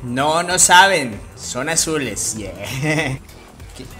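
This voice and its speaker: A man with a Mexican Spanish accent calls his own gameplay live, joking, swearing and bursting out in excited yelps. His voice is bright and forceful, and its pitch swings widely. Faint game music plays behind him. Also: slow. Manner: excitable, profane, jokey, with sudden outbursts. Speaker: gaming streamer.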